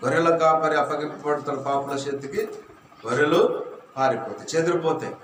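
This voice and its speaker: A man's voice: on the high side, a little fast, a bit bright, slight background noise. A man preaching a sermon to a church congregation, asking them questions and calling on them to answer. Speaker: pastor. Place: church hall. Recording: echoey from far off.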